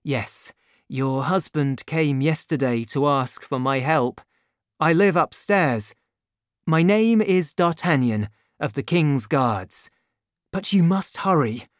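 Woman reading a gallant young guardsman, urgent and earnest, slow and lively, dry sound. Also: low-pitched, no room sound.

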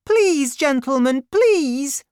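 A woman voicing a frightened young woman who pleads in a high, strained voice. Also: slow, dry recording, studio quality. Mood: frightened pleading.

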